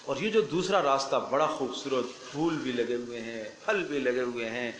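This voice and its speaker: A man's voice: mid-range voice, a bit bright, roomy sound, a little hiss or hum, low-quality recording. A man giving a sermon of Quran commentary, telling vivid parables, acting out the people in his stories and repeating phrases for emphasis.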